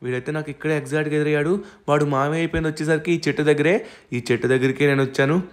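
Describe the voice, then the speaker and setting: Gameplay host: a man with a slightly high voice narrating role-play with dramatic shouts. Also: steady tone, rapid-fire.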